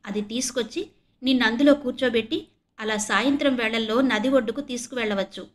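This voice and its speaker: A gentle, thoughtful young man, voiced by a woman reader, offers quiet kindness. Her voice stays soft and steady, just under her usual narrating pitch. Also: fairly quick, lightly acted.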